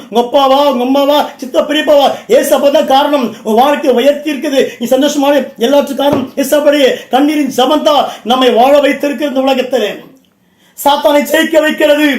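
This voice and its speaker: A man's voice: extremely high pitch, a little mellow, echoey room. A man, a bishop, preaching a Pentecostal sermon in a church. He speaks emphatically in short repeated phrases and calls out directly to his listeners.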